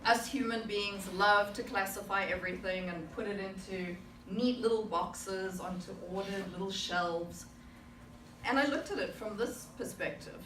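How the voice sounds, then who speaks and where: A meeting-room audience hears a prepared, reflective club speech full of rhetorical questions from a South African woman in her forties. Her medium-pitched voice is a little slow with a fairly bright tone. Background noise, echo, and a distant microphone colour the recording.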